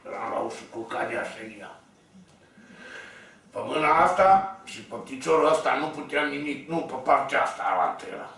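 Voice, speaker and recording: Gravelly man telling a rough story. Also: medium pitch, lively intonation, a bit bright, heavy reverb, far from the mic. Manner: coarse, blunt, colloquial, addressing listeners directly. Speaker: storyteller vlogger. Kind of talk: rambling spoken storytelling.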